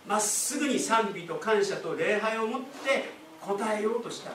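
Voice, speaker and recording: High-voiced pastor preaching in an echoey hall. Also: male voice, lively intonation, moderate pace, recorded from a distance, background noise. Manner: conversational, explains with asides and rhetorical questions. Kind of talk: sermon. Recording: echoey room, speaker away from the mic.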